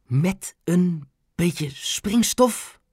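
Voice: mid-range voice, big pitch swings, no echo, clean studio sound, voice pushed up. A narrator voicing a feisty, fussy old grandmother in a hospital bed, in an audiobook reading. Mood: incredulous. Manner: quick, incredulous, fussy.

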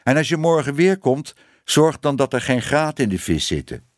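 A man's voice: medium pitch, sing-song, normal speed, no room sound, studio quality, voice pushed up, close to an everyday voice. A man voicing a wary stray mother cat who speaks bluntly about a fussy man.

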